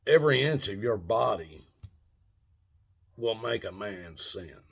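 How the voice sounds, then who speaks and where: An older man with a gravelly, husky voice delivers an old man's back-in-my-day rant to his viewers, halting, folksy and plain-spoken. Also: fairly low pitch, expressive, fairly bright tone. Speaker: video channel host. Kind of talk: informal monologue to viewers.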